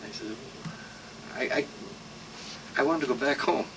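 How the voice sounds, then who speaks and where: A man's voice: medium pitch, a little slow, a bit bright. An elderly American man, a war veteran, remembering his service in a rambling, salty, informal interview. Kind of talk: informal oral-history reminiscence. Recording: distant mic with room hum.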